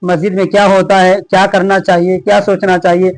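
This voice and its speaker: High-voiced man teaching a reading lesson. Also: level tone, poor audio. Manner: reads text slowly, then explains quickly. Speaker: religious teacher. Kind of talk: reading lesson aloud with explanations.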